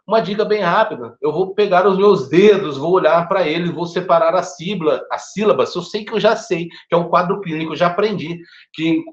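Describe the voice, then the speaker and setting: A man with a Brazilian Portuguese accent leads a first aid lesson in an animated, chatty way, his voice sitting a little high. He keeps checking in with his listeners. The sound is dull and lo-fi, with a roomy echo. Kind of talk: online teacher training lecture. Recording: echoey room, dull lo-fi sound.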